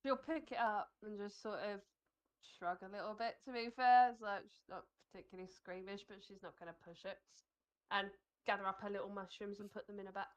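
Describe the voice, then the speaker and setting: A woman's voice: medium pitch, fairly even intonation, a little fast. A woman playing in a tabletop game, giggling as she easily describes what her character does. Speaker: player. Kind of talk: casual tabletop play.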